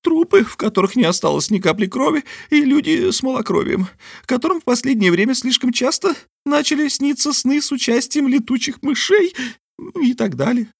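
A man voicing a small, frantic male bat who chatters in a squeaky, breathless, excitable way. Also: fairly quick, creaky, husky, dry recording, studio quality, full character voice. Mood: gossiping. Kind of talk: audiobook character voice.

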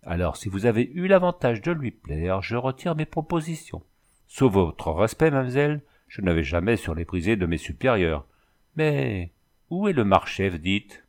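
A man's voice: lowish voice, big pitch swings, normal speed. A man voicing a boisterous, flirtatious former cavalry soldier who talks in boastful, rattling exclamations. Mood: excited.

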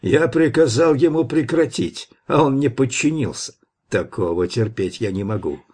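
A man's voice: medium pitch, moderate pace, darkish tone, husky, voice pushed up, natural voice. A man voicing a commanding male bat-man leader in an audiobook, imperious and clipped. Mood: stern.

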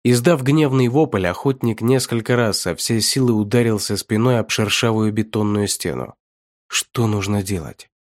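A male narrator reads a dark story in a steady, measured way. His voice sits at an ordinary pitch. The recording is dry and close, with no room sound. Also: no echo. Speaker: audiobook narrator. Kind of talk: scripted narration.

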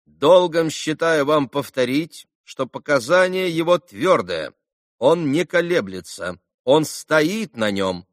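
A man reading a calm insistent prosecutor. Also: fairly high pitch, no echo, studio quality. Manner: measured, deliberate questioning.

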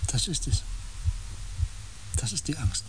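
A male actor with a fairly high, sing-song voice performs in a German radio play, recorded with noisy ambient sound. He plays a tormented, over-sensitive empath on a space expedition, intense and halting, shifting between agitation and hushed awe.

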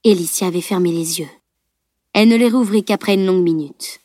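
A woman narrating a fantasy novel aloud in steady, measured storytelling. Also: on the low side, dry recording, clean studio sound. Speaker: audiobook narrator. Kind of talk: scripted audiobook narration.

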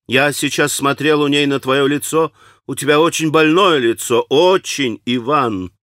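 A man reading an audiobook, voicing a gentle young man who speaks earnestly and pleadingly. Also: mid-range voice, unhurried, dry recording, studio quality, voice pushed up, lightly acted. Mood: fervent.

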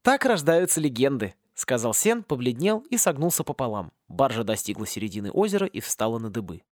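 A man narrating a satirical fantasy audiobook with a lively, expressive reading. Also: medium pitch, brisk, no echo, clean studio sound. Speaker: audiobook reader.

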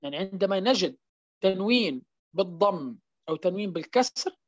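A woman's voice: medium pitch, animated, brisk, no echo. A woman teaching a tajweed lesson, asking questions and answering them herself while repeating the key terms and checking that her students follow. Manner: checks understanding with frequent rhetorical prompts. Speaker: Quran recitation teacher. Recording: dull lo-fi dry recording.

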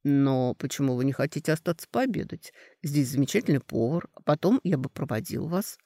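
A man voicing a calm, stubborn young man who quietly stands up to his mother in an audiobook. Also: medium pitch, fairly quick, no room sound, studio quality, lightly acted. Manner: quiet, calm, softly firm. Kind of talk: audiobook character voice.

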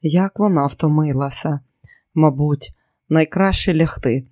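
Measured male audiobook narrator. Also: a little high, darkish tone, no room sound. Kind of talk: scripted narration.

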